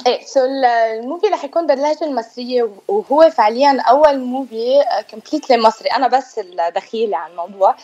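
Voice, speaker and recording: A woman's voice: on the high side, quick pace, few pauses, mellow, lo-fi sound. A Lebanese-accented actress chatting as a guest in a casual radio interview, slipping English words into her talk.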